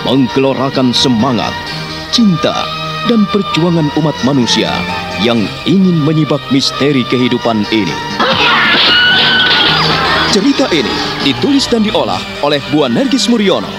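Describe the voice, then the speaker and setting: Male narrator, radio drama, lively intonation, loud music behind. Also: mid-range voice, moderate pace, long pauses. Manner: lively, declamatory. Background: loud music score.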